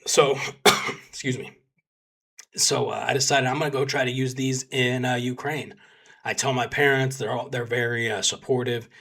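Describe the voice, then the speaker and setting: A man's voice: mid-range voice, normal speed, breathy edge. A young man from Texas, a volunteer combat medic, telling his story in a rambling, casual way full of fillers. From Texas, United States. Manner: rambling, filler-heavy, animated when quoting others.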